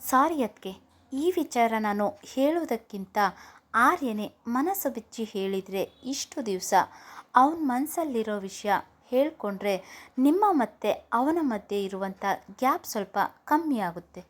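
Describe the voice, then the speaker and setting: A woman's voice: on the high side, expressive, measured pace. A woman voicing an earnest young man. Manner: earnest, pleading. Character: young man, a loyal caring friend.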